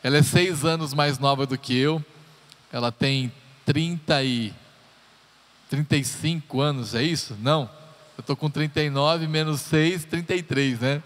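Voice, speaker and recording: An unhurried voice on the high side belongs to a Brazilian man in his thirties, pastoring a congregation. He begins his sermon conversationally, joking and telling personal stories, and the church hall adds live reverb.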